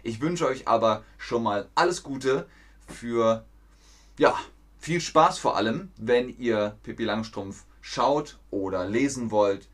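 A man teaching German on a live stream, telling a simple story clearly for learners, asking viewers questions and reading out the chat. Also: mid-range voice, takes it slowly.

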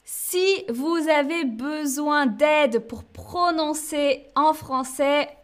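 A woman from France gives a live-streamed French lesson in a high, light voice. She talks very slowly and clearly, like a patient teacher. She keeps checking in with her viewers as she goes. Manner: slow, clear teacher talk with frequent "d'accord?" and "hein".

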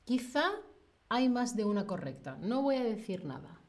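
A woman's voice: medium pitch, big pitch swings, moderate pace, a little mellow. A woman teaching a live grammar lesson, often checking in with listeners and acting out example phrases in a raised voice. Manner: checks in constantly with rhetorical "¿sí?" and "¿vale?". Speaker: Spanish teacher.

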